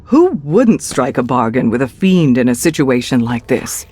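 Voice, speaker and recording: A man's voice: medium pitch, very animated, normal speed, background noise, natural voice. Man voicing a wry, cautious game companion.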